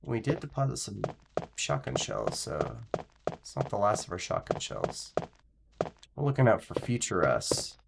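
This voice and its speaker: Stuffy-nosed gravelly streamer chatting. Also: male voice, lowish voice, wildly swooping pitch, unhurried, noisy background. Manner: rambling, chatty, jokey asides. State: stuffy, nasal from a blocked nose. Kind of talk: casual gameplay commentary. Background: game music.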